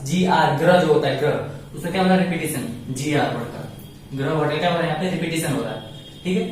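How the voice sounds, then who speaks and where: A man teaches grammar in a measured classroom style, putting questions to his listeners and answering them himself. His voice sits a little high for a man. The room rings with heavy echo, and the mic is well away from him, with a faint hiss behind. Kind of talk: online lesson, code-switching explanation. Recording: echoey room, mic at a distance.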